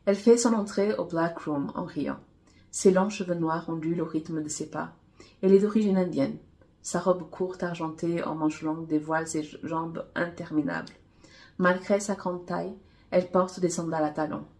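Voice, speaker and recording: A woman author reading her own romance novel aloud in steady first-person narration. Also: fairly low pitch, normal speed.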